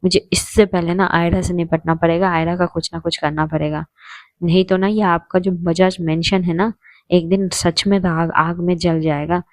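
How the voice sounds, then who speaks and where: A woman storyteller voicing a fierce, hot-tempered young woman who turns soft and tender with the one she loves. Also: fairly low pitch, flat delivery, normal speed, dry recording, lightly acted. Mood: furious. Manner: angry outbursts, soft and tender with her partner.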